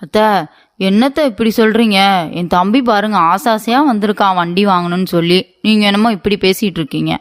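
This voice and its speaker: A woman voicing a demanding young wife in an animated story, complaining and pleading with her husband. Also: mid-range voice, brisk, close to an everyday voice.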